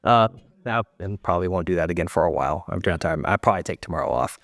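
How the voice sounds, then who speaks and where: A man's voice: low voice, animated, fast, creaky, a bit bright, dry recording. A man hosting a podcast as the coach, talking casually and upbeat, often saying "dude" and restarting his sentences. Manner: upbeat, says "dude" a lot, many restarts. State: winded after a workout. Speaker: podcast host and gym coach.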